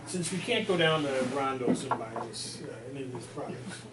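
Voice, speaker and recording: A man's voice: mid-range voice, lively intonation, fairly quick. A man hosting a dinner lecture, asking the guest questions in a joking, hesitant way. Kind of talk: casual questioning. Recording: echoey room, far mic, noisy.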